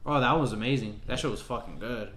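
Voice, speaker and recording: A man's voice: medium pitch, quick pace, a bit bright. A young man co-hosting a casual chat, joking and swearing loosely through friendly banter. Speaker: podcast co-host. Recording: echoey room with faint ambience.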